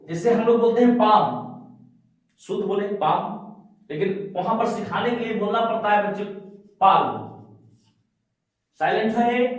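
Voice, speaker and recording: A male teacher giving a classroom lecture, asking himself questions, answering them, and glossing English terms in Hindi. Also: sits high. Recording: very echoey room, voice far from the mic.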